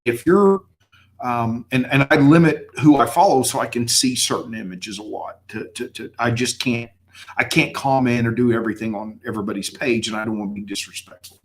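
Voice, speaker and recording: A man's voice: mid-range voice, fairly quick. A man with a slightly slurry West Texas twang, chatting casually and effusively as host of a livestream.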